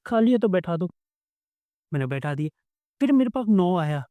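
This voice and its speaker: Chatty high-voiced man teaching code. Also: big pitch swings, moderate pace, dark tone, dry recording. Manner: chatty, addresses viewers as friends, acts out little dialogues. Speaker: coding tutorial instructor. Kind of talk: casual explanatory lesson.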